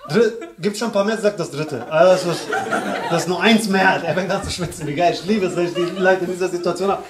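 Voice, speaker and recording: A stand-up comedian in his thirties does loud, teasing crowd work on a small comedy club stage, slangy and laughing often. He talks fast in a high voice into a handheld stage mic. The club is echoey, with audience noise.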